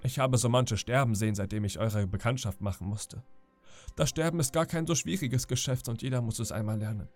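A man's voice: mid-range voice, fairly quick, a little mellow, soft background music, natural voice. A man voicing a defiant young ship's boy. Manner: trembling then bold and heated.

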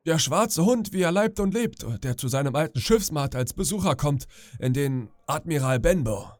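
A man's voice: fairly high pitch, lively intonation, moderate pace, no echo, pitched above the performer's own voice, natural voice. A man voicing a sly old pirate who speaks in a falsely friendly, ingratiating way. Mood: wheedling. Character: sly old one-eyed male pirate, wheedling.

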